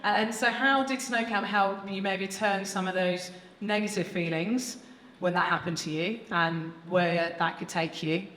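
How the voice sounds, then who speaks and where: A woman's voice: mid-range voice, fairly even intonation, a little slow, fairly bright tone. A woman with a British accent, hosting a live stage interview in an encouraging, praising manner. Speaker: event host interviewing young people on stage. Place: large event hall, on stage. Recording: echoey hall with crowd and noise.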